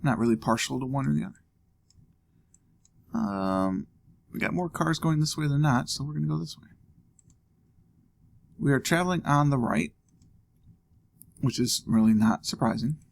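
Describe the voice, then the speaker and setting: A man talks through a guessing game half to himself, musing and joking in a chatty let's-play style of casual commentary. His voice is gravelly and expressive, with a pitch that rises and falls a lot, a moderate pace, and long pauses.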